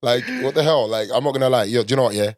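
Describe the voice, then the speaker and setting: A man's voice: mid-range voice, rapid-fire, no echo, studio quality. A man with an urban London accent, talking like a roadman in casual, opinionated, slang-heavy and sweary chat. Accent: London, urban street.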